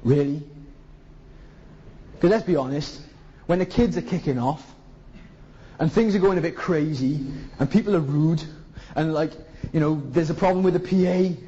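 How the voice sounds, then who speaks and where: A man's voice: on the high side, normal speed, pauses often, warm tone, husky, lo-fi sound. A man with a Welsh Valleys accent preaching a colloquial sermon, putting rhetorical questions to his listeners. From South Wales valleys.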